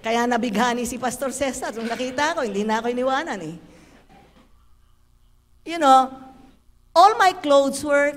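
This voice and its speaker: A woman, giving a lively, playful church testimony. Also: sits high, in a large hall. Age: 70s. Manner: animated, playful storytelling with acted dialogue. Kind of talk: sermon testimony.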